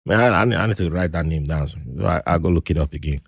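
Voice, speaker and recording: A man's voice: sits low, fast talker, gravelly, dry recording, clean studio sound. A man hosting a casual podcast interview, telling stories with laughter and acted-out voices. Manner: animated storyteller, laughs often, acts out quoted voices. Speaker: podcast host.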